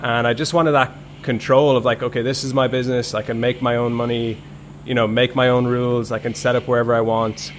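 With a medium-pitched voice and a slightly fast pace, a thirtysomething man from Ireland rambles through casual stories as a podcast guest. Faint hiss sits under his relaxed, "like"-filled speech and its small restarts.

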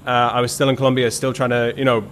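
A man, a podcast guest telling his story in a relaxed, rambling way with many fillers. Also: mid-range voice, fast, a little hiss or hum. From Ireland. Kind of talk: casual conversational storytelling.

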